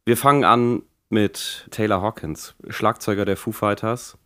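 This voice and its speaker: A man with speech hosting a casual podcast, his voice deepened and worn from a recent infection. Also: steady tone, a little slow, a bit bright, dry recording, clean studio sound. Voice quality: deepened, croaky voice left over from an infection. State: recovering from Covid with a lingering cough, vocal cords strained. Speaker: podcast host.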